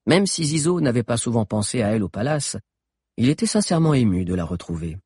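Husky-voiced man narrating a story. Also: medium pitch, fast, dry recording, clean studio sound. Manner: expressive storytelling, voices characters. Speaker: audiobook narrator. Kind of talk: scripted narration.

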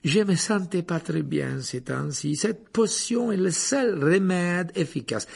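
Lupin, a man voicing a calm, gentle teacher. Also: sits high, creaky, husky, voice pushed up, exaggerated voice. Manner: soft-spoken, measured, sometimes whispered. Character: calm, gentle adult male teacher, thoughtful.

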